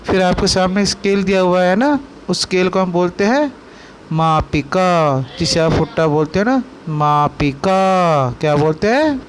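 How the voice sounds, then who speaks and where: Slow call-and-response male Sanskrit teacher. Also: high voice, a little hiss or hum. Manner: repeats each word slowly with call-and-response questions. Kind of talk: teaching lesson to children over picture slides. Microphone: screen-recorded voice-over.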